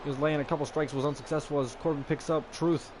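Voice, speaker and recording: Brief: slightly high-pitched man, casual gaming play-by-play, noisy desk mic setup. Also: fast talker. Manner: relaxed play-by-play wrestling commentary with fillers. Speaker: gaming video creator. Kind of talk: casual let's-play commentary.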